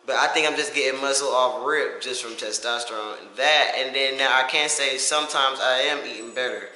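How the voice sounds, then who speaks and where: Talking to camera in a bright, forceful, mid-range voice, a male vlogger rambles through a casual personal update in an informal, self-reflective way. The room is echoey and there's a faint hiss.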